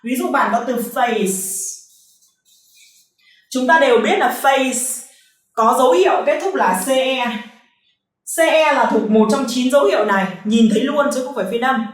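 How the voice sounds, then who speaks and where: A woman's voice: high-pitched, far from the mic. Woman teacher, echoey room, from afar. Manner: repeats key sounds and words slowly, checks in with learners. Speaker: English pronunciation teacher. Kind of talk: classroom explanation.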